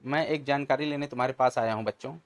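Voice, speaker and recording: A man's voice: medium pitch, steady tone, fast, lightly acted. A man voicing a burly, sly male wrestler in a children's comic story, sweet-talking the kids in a coaxing way. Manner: sweet-talking, then blunt.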